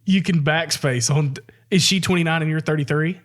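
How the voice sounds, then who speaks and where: A man's voice: a little high, moderate pace. A young man, co-hosting a podcast in casual, rambling chat and laughing often. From American South. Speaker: podcast co-host.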